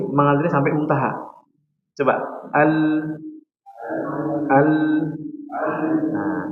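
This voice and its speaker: A man's voice: fairly high pitch, a little hiss or hum. Indonesian man teaching recitation in echoey mosque. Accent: Indonesian, Javanese. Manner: explains patiently, demonstrates sounds, quizzes students. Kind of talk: religious class lecture. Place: mosque hall. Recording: echoey, dull mosque hall recording.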